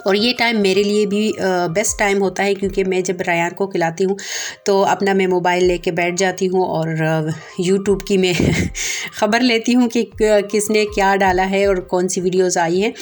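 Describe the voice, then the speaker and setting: A woman's voice: medium pitch, fairly even intonation, normal speed, soft background music. A woman in her thirties from Pakistan with a Pakistani Urdu accent, chatting casually to her viewers as she narrates her home routine. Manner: chatty and homely, addressing viewers directly. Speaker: home vlogger.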